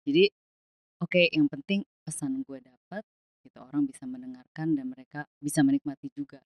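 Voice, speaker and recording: Young woman on a podcast, low-ish voice, thoughtful, mixes in english, dry close sound. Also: a little fast, no room sound, highs cut off. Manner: reflective, mixing English phrases into Indonesian. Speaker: podcast guest, singer. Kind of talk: casual podcast conversation.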